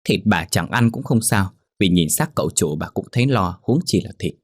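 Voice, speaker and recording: A man's voice: low voice, moderate pace, darkish tone, breathy edge, no echo, clean studio sound. A man voicing an older female servant who is bitter and outspoken, gossiping with scorn in a ghost story. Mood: scornful.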